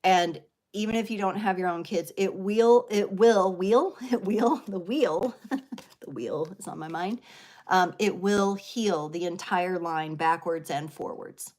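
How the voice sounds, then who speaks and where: A woman's voice: fairly low pitch, a little slow, darkish tone. Earnest woman tarot reader talking live. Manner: earnest, emotional, rambling with fillers and "right?". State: teary, sniffling. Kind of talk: live stream spiritual talk.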